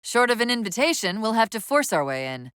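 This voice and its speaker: This is a female AI partner from a military sci-fi video game, her high, bright voice recorded close and dry with big pitch swings. Brisk and urgent, she barks crisp tactical orders with a sardonic edge, in a wry, dry mood.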